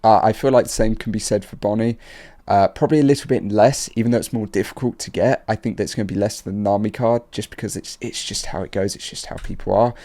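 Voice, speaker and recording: Host type: sick man, low and mellow, gravelly, loose rambling commentary. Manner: rambling, filler-heavy. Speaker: card market channel host. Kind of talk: casual market commentary.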